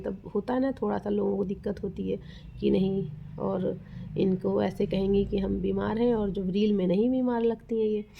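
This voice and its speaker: Gravelly, husky-voiced woman vlogging. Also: medium pitch, dull audio. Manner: earnest, rambling, addresses viewers as guys. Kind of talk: casual heartfelt vlog talk.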